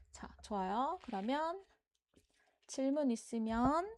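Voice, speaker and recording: A woman with a Korean accent, a native Korean speaker, teaching a live-streamed language lesson and repeating words slowly for learners. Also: on the high side, darkish tone.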